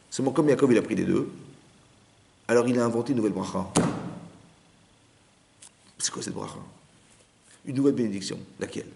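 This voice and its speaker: A man's voice: fairly low pitch, creaky, a little mellow. A man, a rabbi, giving a Torah lesson, telling the story with acted-out dialogue and rhetorical questions.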